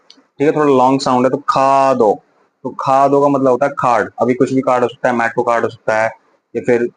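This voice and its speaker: A man teaching Japanese vocabulary in a casual lesson, repeating example sentences slowly and loudly. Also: mid-range voice, poor audio.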